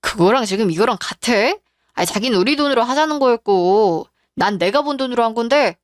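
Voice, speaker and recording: A woman's voice: fairly high pitch, animated, fairly quick, no room sound, clean studio sound, close to an everyday voice. A woman doing a curt, stubborn husband. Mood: defensive. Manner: curt, dismissive. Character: defensive stubborn husband, adult man.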